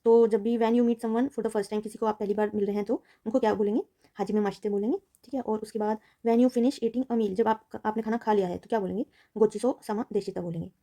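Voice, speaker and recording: A young woman teaches a Japanese language course. She explains in Hindi, reads English passages from the course slowly, and uses many fillers. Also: medium pitch, fairly even intonation, mellow. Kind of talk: recorded lesson explanation.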